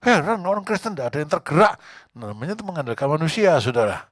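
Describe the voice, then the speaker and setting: Animated man preaching a sermon. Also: a little high, quick pace, no echo, clean studio sound. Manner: conversational, animated, acts out quotes, asks the congregation questions. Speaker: pastor.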